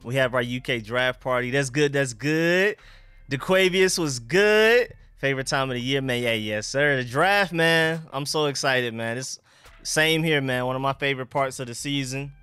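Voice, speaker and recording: A young man hosts a casual sports livestream, greeting viewers in slangy, informal chat and repeating his greetings and catchphrases. His medium-pitched voice moves at a moderate pace, sharp yet clear and resonant, with no echo, though a dental retainer slightly impedes his speech.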